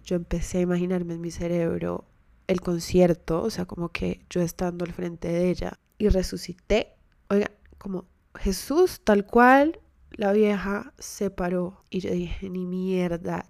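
A woman's voice: fairly low pitch, creaky, warm tone, no echo. A young woman hosting a podcast, telling a story in a candid, chatty way, with casual swearing, close to the microphone. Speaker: podcast host.

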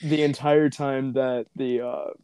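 A man's voice: mid-range voice, flat delivery, takes it slowly, mellow, smooth, no room sound. Laid-back joking man telling a story. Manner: laughs often, wry and joking. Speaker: podcast host. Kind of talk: casual chat, storytelling.

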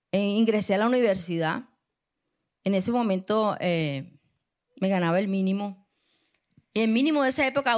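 A middle-aged woman delivering a sermon in a voice pitched somewhat high. She talks straight to her listeners with pointed questions and acts out her own past prayers as she tells a personal story. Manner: emphatic, addresses listeners directly with questions. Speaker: preacher.

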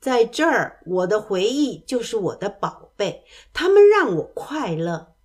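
A woman voicing a calm, wise old grandpa rabbit in a children's storybook, slow and gentle. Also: medium pitch, husky.

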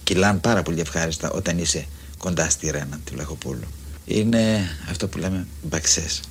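A man's voice: sits low, slight background noise. A man giving an interview, fondly and unhurriedly recalling a colleague. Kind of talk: reminiscing interview.

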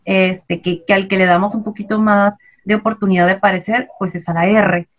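A woman with a Mexican accent answers interview questions as a child language specialist. She explains step by step, patient and clear, often posing rhetorical questions. Her voice sits in a mid range. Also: mid-range voice, fairly even intonation, fairly quick.

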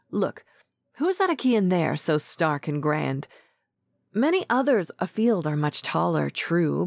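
A woman's voice: medium pitch, a little mellow, no echo. A woman voicing an aged king who speaks kindly and with wonder, in a dry-sounding audiobook reading. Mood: gentle.

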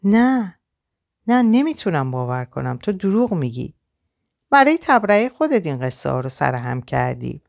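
A woman reading a young man in an audiobook, accusing and indignant, his voice low and gravelly. Dry, close sound with no room echo. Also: very animated, exaggerated voice. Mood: shouting. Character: young man, angry and stunned.

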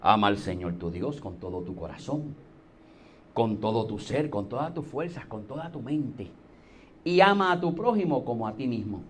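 Un hombre con acento puertorriqueño que pone una voz grave y ronca para hacer de un maestro de la ley pomposo. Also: male voice, very animated, moderate pace, a little hiss or hum, natural voice. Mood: solemne. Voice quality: hoarse, deep. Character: self-important male teacher of the law, deep hoarse put-on voice.

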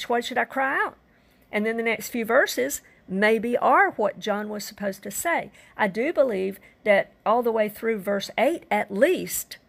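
A woman's voice: medium pitch, vocal fry. An older woman preaching a Bible teaching, earnest and emphatic, with rhetorical questions.

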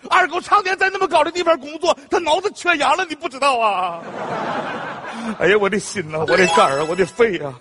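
An actor playing a bossy, boastful migrant construction worker with a Shandong accent, in a stage comedy sketch full of indignant, blustering patter. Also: male voice, extremely high pitch, fast, sharp tone.

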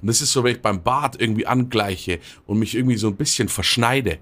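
A man's voice: lowish voice, brisk, fairly bright tone. A man co-hosting a podcast in casual chat, joking and laid-back.

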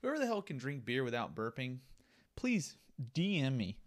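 A man's voice: mid-range voice, huge pitch swings, moderate pace. A man hosting a solo podcast, rambling casually while drinking beer and musing aloud. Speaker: podcast host.

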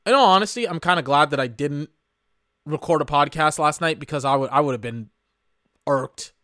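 A man's voice: fairly high pitch, moderate pace, bright, forceful tone, no room sound, studio quality. A man hosting a podcast, reacting live to an awards broadcast in casual, rambling commentary, often exasperated and swearing. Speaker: podcast host.

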